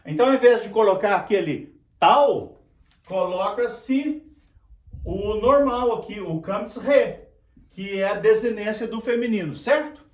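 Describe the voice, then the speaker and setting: An older man teaching at a whiteboard, explaining slowly and repeating each point while checking that his students follow. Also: sits high, animated, far from the mic. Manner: slow, repetitive, drawn-out explaining with frequent checks. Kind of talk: classroom lecture at a whiteboard. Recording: echoey room.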